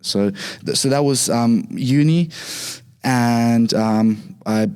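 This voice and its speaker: A young man from Zimbabwe with a Zimbabwean accent, chatting relaxed as a podcast guest, with many fillers and restarts. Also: mid-range voice, slow pace, clear, resonant tone. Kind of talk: casual interview talk.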